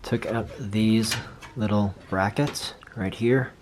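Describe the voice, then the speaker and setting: A man's voice: lowish voice, slow pace, slight background noise. A young man casually walking through his first hands-on build, chatty and self-deprecating as he thinks aloud. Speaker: vlogger building a PC.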